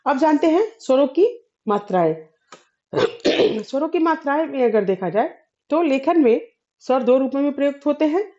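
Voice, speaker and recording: A woman teaching a spoken Hindi grammar lesson, explaining slowly with many fillers and pauses and clearing her throat often. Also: high voice, lively intonation, dark tone, lo-fi sound.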